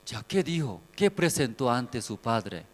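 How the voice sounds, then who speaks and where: Male missionary pastor preaching at a bible seminar, very slow, asks the room lots of questions, long echo in the hall. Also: medium pitch, sing-song. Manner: slow, simple phrasing, rhetorical questions.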